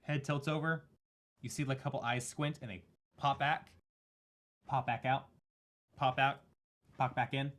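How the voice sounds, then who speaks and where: A man's voice: medium pitch, fairly even intonation, a little slow, long pauses, a bit bright. A man narrating as game master in a casual, rambling way.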